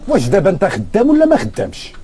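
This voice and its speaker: A man's voice: high-pitched, wildly swooping pitch, very fast, dark tone. An actor playing a suspicious Moroccan man who confronts a friend in film dialogue. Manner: prying, confrontational.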